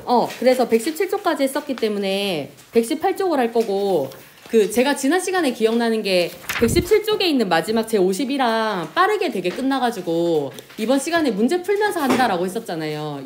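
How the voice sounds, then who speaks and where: A woman teacher giving a classroom lesson, asking questions and answering them herself, and drawing out example words slowly. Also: on the high side, a little hiss or hum. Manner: lively, pronounces example words slowly and drawn out. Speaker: Korean language teacher. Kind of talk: classroom lecture.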